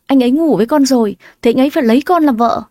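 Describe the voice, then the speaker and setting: Brief: shrill whiny schemer, young woman, dry close sound, read by a woman narrator. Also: rapid-fire, dark tone, dry recording, lightly acted. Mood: indignant. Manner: whining, shrill when pleading.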